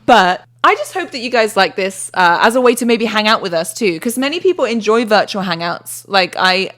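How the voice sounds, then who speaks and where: A woman's voice: medium pitch, animated, fairly quick, a bit bright. A British woman co-hosting a casual chat podcast, rambling off on tangents and laughing often. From Britain. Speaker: podcast co-host.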